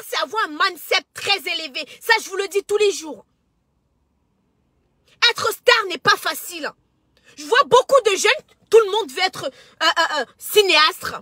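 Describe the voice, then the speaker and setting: Cameroonian woman in her thirties, high-pitched and sharp, preachy social media rant, dry close sound. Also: no echo. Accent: Cameroonian French. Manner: impassioned, preachy, stumbles and repeats words. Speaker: social media personality and entrepreneur. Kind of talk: emotional direct-to-camera social media monologue.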